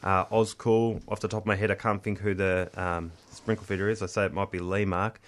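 A man's voice: deep voice, flat delivery, fairly quick. An Australian man chatting casually in a matey, colloquial tradesman's way, like a union rep on a podcast. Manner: blokey Aussie tradesman talk, matey and colloquial. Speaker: union representative, podcast host. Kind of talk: casual chat.

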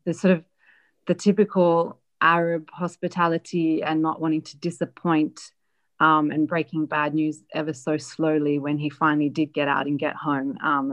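A woman being interviewed, reflectively telling a personal family story with many pauses and fillers. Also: low voice, highs cut off. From Australia. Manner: reflective, hesitant with frequent fillers.

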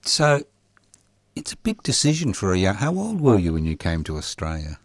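A man hosting a radio interview, asking questions gently and with some hesitation. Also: low voice, wildly swooping pitch, moderate pace, no room sound. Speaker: radio host.

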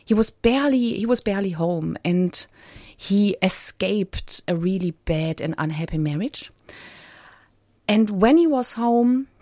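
Speaking into a studio microphone with no room sound, a woman from Germany shares her personal story as a radio guest. Her voice is medium-pitched and a little mellow, and she hesitates with plenty of fillers and restarts.

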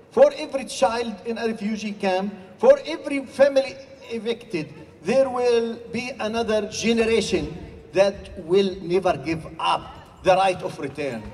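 A man from Gaza, giving an impassioned protest speech at an outdoor rally, sometimes rising to shouts. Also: high-pitched. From Gaza, Palestine. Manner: forceful, rising to shouts at times. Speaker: rally speaker. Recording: distant reverberant rally recording with faint noise.

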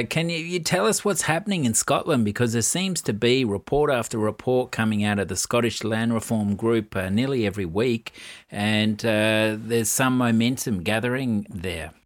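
Podcast host: man with a medium-pitched voice, conversational interviewing style, very little room sound. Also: normal speed, no room sound.

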